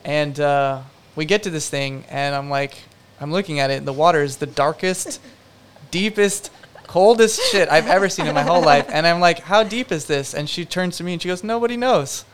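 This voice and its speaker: A man's voice: a little high, moderate pace, slight background noise. A young man, a production designer, answering interview questions in a rambling, casual way full of fillers and self-deprecating asides.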